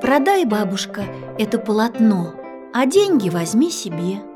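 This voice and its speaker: A woman voicing a meek, polite young girl in an audio fairy tale, speaking softly. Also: medium pitch, sing-song, a little slow, music in the background.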